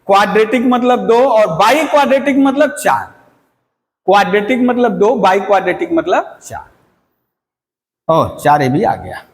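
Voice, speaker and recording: A man's voice: high-pitched, lively intonation, moderate pace, big-room sound. A man teaching a maths lesson to students, asking them questions and answering them himself.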